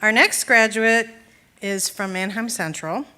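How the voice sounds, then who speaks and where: A woman's voice: mid-range voice, unhurried, pushed and bright, smooth. A woman teacher introducing a graduate at a graduation ceremony, in an informal and chatty way. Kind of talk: graduation speech.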